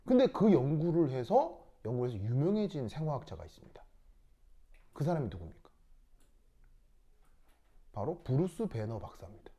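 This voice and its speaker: Lively man teaching a class, mellow voice. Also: medium pitch, moderate pace, long pauses, dull audio. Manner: lively, teasing, asks students questions. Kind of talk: classroom lecture.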